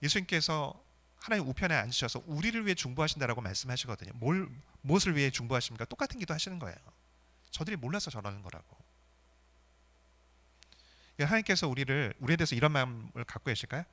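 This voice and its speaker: A man preaching a Sunday sermon as pastor, emphatic and animated, asking the congregation rhetorical questions. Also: mid-range voice, racing.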